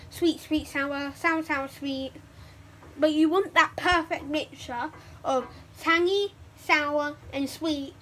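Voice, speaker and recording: Chatty high-voiced young girl. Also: fairly bright tone, a little hiss or hum. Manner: chatty, rambling, self-correcting. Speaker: home cooking vlogger. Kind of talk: casual cooking vlog. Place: home kitchen.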